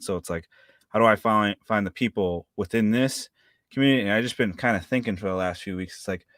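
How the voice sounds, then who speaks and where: Man, 30s, very deep voice, dry close sound, rambling casual co-host talk. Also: a bit bright, no room sound. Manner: rambling, hesitant, many fillers. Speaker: live-stream co-host. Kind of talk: casual chat.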